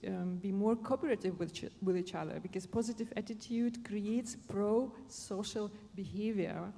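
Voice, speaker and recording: The recording, made in an echoey large hall with faint background noise, captures a mellow, creaky, medium-pitched woman from Germany. Speaking on a conference-stage panel about positive psychology, she explains things unscripted, pausing to search for words.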